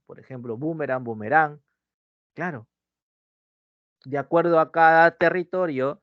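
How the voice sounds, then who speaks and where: A man's voice: on the high side, dry recording. Man teaching, repeating with "¿sí?". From Peru. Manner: repeats key phrases, checks in with "¿sí?". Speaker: pre-university language teacher. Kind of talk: online class lecture. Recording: dull, dry lo-fi mic sound.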